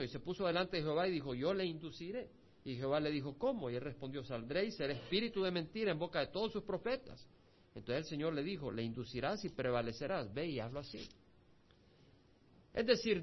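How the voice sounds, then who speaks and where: A pastor preaching an expository Bible sermon, reading scripture aloud and then explaining it with asides to his listeners. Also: fairly high pitch. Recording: muffled lo-fi recording.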